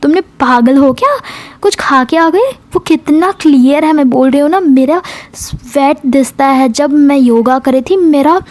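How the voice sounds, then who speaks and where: A woman storyteller voicing a pushy, excited young woman who fires off insistent questions at her girlfriend. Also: high-pitched, dry recording. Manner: insistent, rapid-fire questions.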